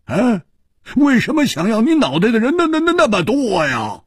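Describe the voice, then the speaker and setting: A man's voice: low-pitched, wildly swooping pitch, takes it slowly, slightly rough, voice pushed down, exaggerated voice. A man voicing a mocking martial-world woman who sneers and stammers with laughter.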